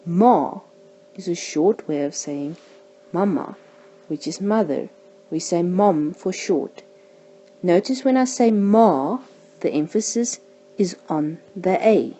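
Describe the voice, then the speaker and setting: A woman teaching a language lesson, saying each example word slowly and carefully. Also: lowish voice, mellow, poor audio. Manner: slow, careful pronunciation of example words.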